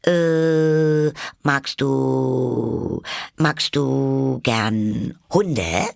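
A man's voice: lowish voice, very animated, a little slow, creaky, a bit bright, no echo, studio quality, pitched above the performer's own voice, heavily acted. A man doing an eager, chattering little girl. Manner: eager, rambling, apologetic. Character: polite chatty curious young girl.

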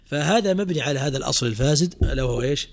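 A man's voice: a little high, expressive, rapid-fire. A middle-aged man teaching a religious text in class, quizzing students with rhetorical questions and fillers. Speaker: sheikh teaching a creed commentary.

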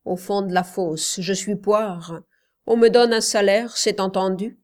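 A woman voicing a stubborn coal miner who speaks slowly, harshly and heavily. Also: medium pitch, steady tone, darkish tone, natural voice. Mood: grim. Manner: slow, harsh, heavy.

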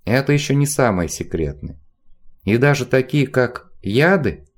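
A man's voice: medium pitch, very animated, unhurried. A man voicing a bold young girl who poses as a noble lady, asking eager, probing questions with put-on politeness in a storybook reading.

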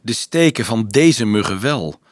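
A man's voice: on the low side, animated, measured pace, dry recording. Man reading as a serious young crusade leader, terse, dry close sound; storybook role. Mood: earnest. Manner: curt, serious. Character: earnest teenage boy leader of a crusade.

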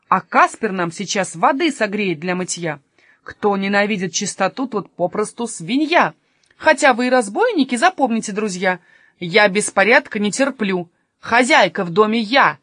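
A woman voicing a strict, bossy aunt who rules the house, sharp and commanding. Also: mid-range voice, dry recording, studio quality. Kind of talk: storybook reading.

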